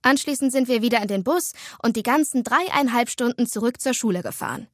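A woman voicing a lively, chatty teenage schoolgirl in a storybook, talking quickly and dramatically. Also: on the high side, no room sound, studio quality, natural voice. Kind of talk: storybook dialogue.

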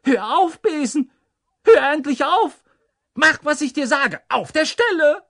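A man voicing an excitable young male sorcerer's apprentice who shouts in a storybook reading. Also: very high-pitched, unhurried, dry recording, studio quality, pitched above the performer's own voice, heavily acted. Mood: panicked. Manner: shouting, exuberant then panicked.

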